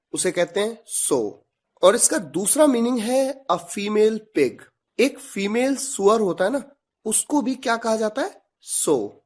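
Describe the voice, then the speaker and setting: A man's voice: sits high, darkish tone. A man teaching a video lesson, spelling words out letter by letter and asking rhetorical questions. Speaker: English teacher.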